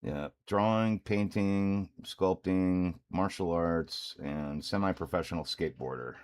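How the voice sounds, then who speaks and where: A miniature painter and streamer talks casually while he paints, relaxed and rambling and chuckling often. His voice sits low and smooth and moves a little slowly.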